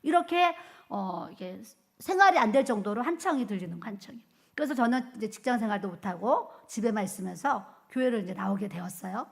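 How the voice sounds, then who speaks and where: A woman's voice: mid-range voice, animated, fairly quick, vocal fry. A woman pastor giving a testimony sermon, telling her story vividly and acting out the quoted speech.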